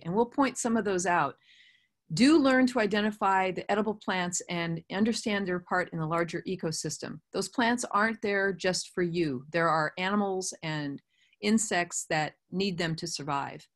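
A woman's voice: fairly low pitch, moderate pace, a bit bright. A middle-aged woman presenting a gardening webinar over a video call, explaining in a friendly way with casual asides. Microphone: webcam on a video call.

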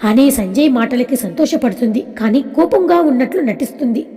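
A woman storyteller reading a scripted audio story in a steady, even manner. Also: on the high side, normal speed, faint music behind. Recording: long hall reverb.

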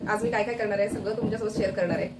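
A woman's voice: mid-range voice, steady tone, rapid-fire. Chatty woman vlogging from a noisy kitchen. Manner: chatty, addresses viewers directly, many fillers. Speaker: family vlogger. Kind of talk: casual home vlog chat. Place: home kitchen. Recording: noisy home ambience.

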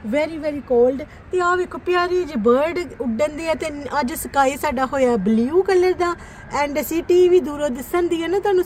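A Punjabi-accented woman with a high-pitched voice talks casually to her vlog viewers. She is chirpy and prone to exclamations, and she slips English phrases in as she goes. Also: a little hiss or hum, rough recording. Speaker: daily vlogger. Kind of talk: casual home vlog chat.

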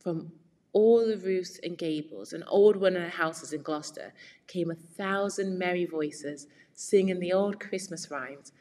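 A woman's voice: on the low side, measured pace, warm tone, big-room sound. Woman reading a children's story aloud. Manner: patient, explaining words step by step. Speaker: English teacher. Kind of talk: children's read-aloud with vocabulary explanations.

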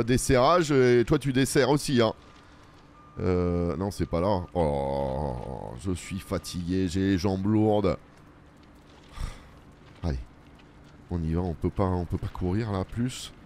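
A man with a fairly low voice talks his way through a video game in a loose, chatty commentary. He mutters running remarks to himself as he plays, and he keeps turning to his viewers with self-mocking asides. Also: a little mellow, a little hiss or hum. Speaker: let's play host. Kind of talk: casual gameplay commentary.

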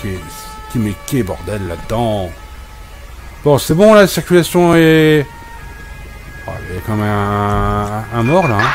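A man's voice: on the low side, big pitch swings, measured pace, soft background music. A man giving comic role-play commentary over gameplay, scolding and exasperated in a joking banter. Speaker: gameplay video creator.

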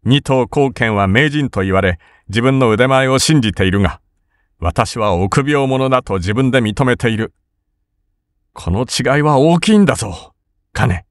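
A man's voice: medium pitch, animated, measured pace, dry recording, studio quality, pitched above the performer's own voice, lightly acted. A man voicing a timid samurai older brother who is frightened but determined, speaking in a trembling, urgent voice. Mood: urgent resolve.

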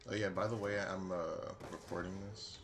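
A young man chatting casually during a game, laid-back and quick. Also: deep voice, little pitch movement, a crowd in the background. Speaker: gamer recording the session. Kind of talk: casual gaming chat.

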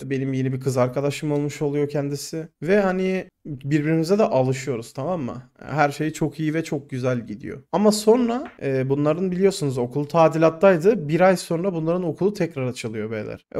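Young guy from turkey rattling off a story, bit high voice, talks super fast. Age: 20s. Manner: animated storytelling, swears, quoted back-and-forth. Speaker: podcast host. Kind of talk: storytelling monologue.

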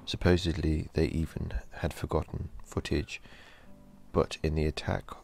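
A man narrating a horror story in a slow, measured storytelling delivery. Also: rumbling low, level tone, vocal fry, darkish tone, soft background music.

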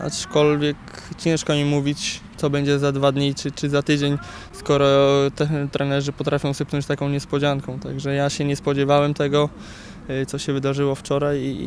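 A young footballer in his twenties answering interview questions outdoors beside a pitch, halting with many repeated words. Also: darkish tone. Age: 20s. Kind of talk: post-training interview. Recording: faint outdoor noise.

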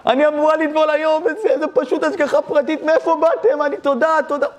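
A man voicing a young pious woman, tearful, grateful, high excited pleading voice. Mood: tearful amazement.

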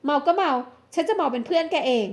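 Brief: woman doing a loyal, outspoken girlfriend for a narrated storybook drama, high voice, comforting but brash. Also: expressive, fast talker. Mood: supportive. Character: loyal young female best friend, brash and supportive.

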